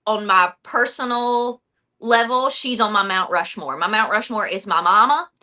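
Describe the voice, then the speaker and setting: A woman in a casual interview chat, telling stories in an animated way and acting out quotes. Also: medium pitch, moderate pace. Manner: animated storyteller, acts out quotes. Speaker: wrestling announcer, interview guest.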